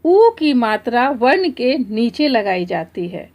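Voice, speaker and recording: A woman teacher explaining a lesson to children, slowly drawing out example words one by one. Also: a little high, very animated, darkish tone. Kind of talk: slow, deliberate classroom explanation.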